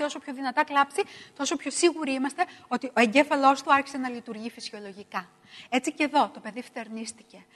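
A middle-aged woman preaching a sermon, emphatic and repetitive, swinging between loud stresses and hushed asides. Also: sits high, in a large hall.

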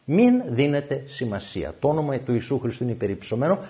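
A man preaching a sermon, telling personal stories and acting out the dialogue. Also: mid-range voice. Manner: animated storytelling, acts out dialogue. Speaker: pastor. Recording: dull lo-fi recording.

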